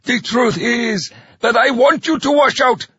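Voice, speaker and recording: A man voicing a fat, gleefully cruel male drill sergeant with a rasping voice who barks and growls orders in a dull lo-fi recording. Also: very high-pitched, measured pace, sharp tone, dry recording, pitched above the performer's own voice, full character voice. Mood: menacing.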